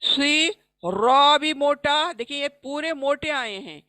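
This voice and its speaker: A woman teaching recitation in an online class, explaining each rule and then reciting the example slowly. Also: sits high, animated, pushed and bright, no room sound. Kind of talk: recorded online lesson.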